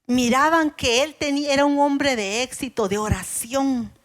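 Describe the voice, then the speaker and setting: High-voiced woman preaching a sermon. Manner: earnest, slows down to stress scripture quotes. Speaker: preacher at a women's service.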